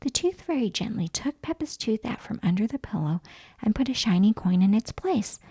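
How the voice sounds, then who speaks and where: A woman reading a children's story aloud as an expressive narrator. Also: medium pitch, normal speed, husky, no echo.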